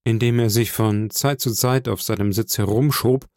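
A man reading an audiobook aloud in a calm, measured narration. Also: on the low side, no echo, studio quality. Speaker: audiobook reader.

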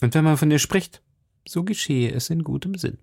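Porthos, a man voicing a blustering loud musketeer. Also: a little high, moderate pace, gravelly, slightly rough. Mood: lecturing. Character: boastful hot-tempered male musketeer.

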